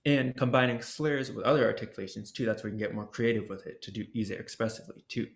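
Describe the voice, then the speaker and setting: A man presenting an ocarina workshop, explaining technique in a relaxed way and sounding out the syllables as he goes. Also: lowish voice, quick pace, gravelly. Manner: casual, explains with demonstration syllables and fillers. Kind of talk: instructional explanation. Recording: roomy echo.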